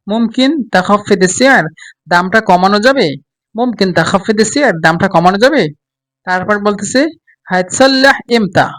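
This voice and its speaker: A man teaching a spoken language lesson, repeating each phrase slowly and explaining it with filler sounds. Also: high-pitched, fairly bright tone, distant mic. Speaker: Arabic teacher.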